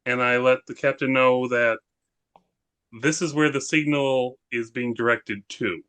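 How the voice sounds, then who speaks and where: A man's voice: mid-range voice, unhurried, sharp tone, clear, resonant tone. A man playing a tabletop role-playing game who explains his moves in a matter-of-fact way. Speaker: player.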